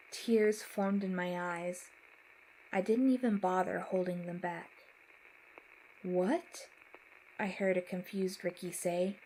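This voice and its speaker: Slow, measured woman narrating a horror story. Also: medium pitch, darkish tone, a little hiss or hum, low-quality recording.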